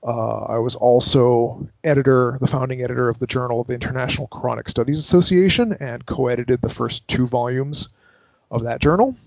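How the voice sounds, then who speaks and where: Speaking brisk and gravelly at a medium pitch, a Hawaiian man in his fifties recounts his background at length as the guest scholar in an academic interview by call. He hesitates, restarting often and using plenty of fillers; the audio is dull, with no echo.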